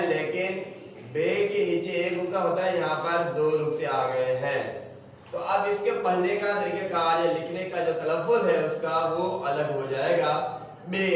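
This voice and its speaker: Male teacher, patient and repetitive lecture delivery, faint room noise behind a distant, echo-heavy recording. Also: high voice. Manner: slow, explanatory, repeats each point. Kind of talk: classroom lecture on the alphabet.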